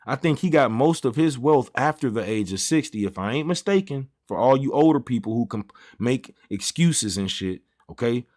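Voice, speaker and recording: Lively and a little mellow, his mid-range voice flows at normal speed with hardly any pauses. He's a man in his thirties running a trading livestream, easily sidetracked as he trades slangy, casual banter with viewers.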